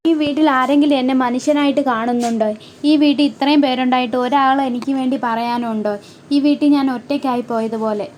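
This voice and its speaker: A woman's voice: high voice, fairly even intonation, a little fast, a little mellow, slight background noise, natural voice. A woman reading a sulky, sidelined grown man. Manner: sulky, sarcastic complaining. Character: bitter, sidelined grown man who feels unwanted at home.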